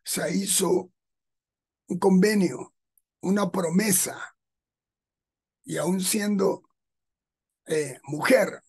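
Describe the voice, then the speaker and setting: A man preaches slowly and deliberately. His voice is slightly husky, and he explains each point with small rhetorical asides. The tone is that of a pastor teaching his congregation. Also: high-pitched, darkish tone. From Peru. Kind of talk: sermon.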